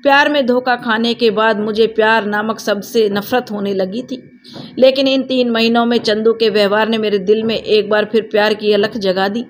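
Woman doing a young village girl in love, earnest, confiding, kinda high voice. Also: steady tone, normal speed, slight background noise, lightly acted.

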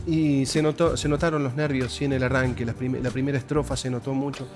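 A man's voice: mid-range voice, little pitch movement, quick pace. A man giving earnest, encouraging feedback as a coach on a TV talent show. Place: large TV studio. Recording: studio with music bed.

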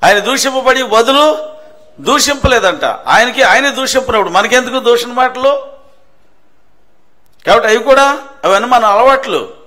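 Guy preaching, pretty high voice, keeps asking questions then answering them, repeats stuff for punch. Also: lively intonation, normal speed, long pauses, pushed and bright. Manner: asks rhetorical questions and answers them himself; emphatic, repeats key phrases for stress. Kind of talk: sermon. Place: church prayer hall.

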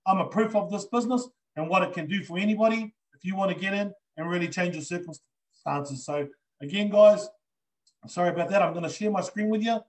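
Speaking from an indoor spot with a green screen behind him, this middle-aged Kiwi delivers an eager, sincere sales presentation live on a video call. He talks fairly fast in a high register, leaning on lots of fillers, and the audio is poor.

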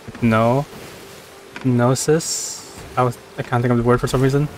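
A man's voice: mid-range voice, steady tone, moderate pace, darkish tone, a little hiss or hum. Young man bantering over a game. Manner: laughs often, bantering, loose. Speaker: streamer playing with a friend. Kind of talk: casual gaming chat.

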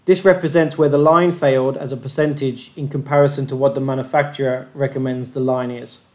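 A man's voice: medium pitch, darkish tone. Methodical man narrating a gear test. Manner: methodical, plain-spoken. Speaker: fishing channel host.

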